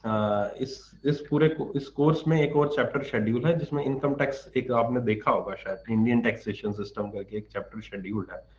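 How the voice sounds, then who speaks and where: A man's voice: medium pitch, normal speed, few pauses, darkish tone, dull audio. A man teaching a live online class, answering viewers' questions in a chatty, joking way and explaining patiently.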